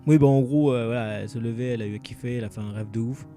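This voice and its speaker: At home at night, a gamer plays through a game with casual let's-play commentary, rambling, joking about himself, and using many fillers and restarts. His medium-pitched voice is mellow and very fast, with faint background music.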